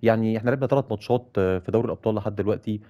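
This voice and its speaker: A man with an Egyptian Arabic accent commentating his own football management game, cheering and shouting at his players. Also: fairly low pitch, rapid-fire, highs cut off. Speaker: gaming YouTuber playing a football manager career mode. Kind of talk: live gameplay commentary.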